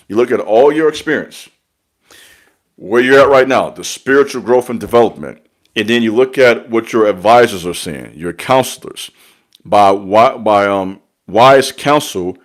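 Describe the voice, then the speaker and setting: A young man giving an earnest, repetitive motivational talk on spiritual growth, speaking like a preacher to his followers. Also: fairly low pitch. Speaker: online spiritual mentor.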